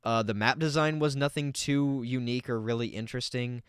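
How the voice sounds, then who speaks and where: A man's voice: medium pitch, fairly quick, a bit bright, smooth, dry recording, clean studio sound. Blunt rambling man reacting to a video. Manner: rambling, filler-heavy, blunt with swearing. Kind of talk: casual reaction commentary.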